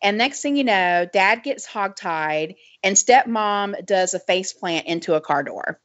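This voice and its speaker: A woman with a cackling laugh, co-hosting a casual chat podcast as an animated storyteller. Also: mid-range voice, unhurried, dry recording. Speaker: podcast co-host. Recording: slightly dull lo-fi audio.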